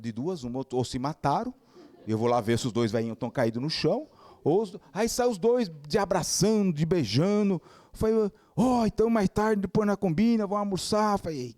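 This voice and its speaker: A man's voice: a little high, no echo, clean studio sound. A middle-aged Brazilian man giving a spiritist lecture, telling stories and asking rhetorical questions. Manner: animated storytelling with rhetorical questions.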